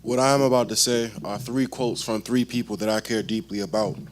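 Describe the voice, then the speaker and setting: A man's voice: on the low side, steady tone, brisk, a little hiss or hum. A man giving a sincere monologue on stage, quote by quote.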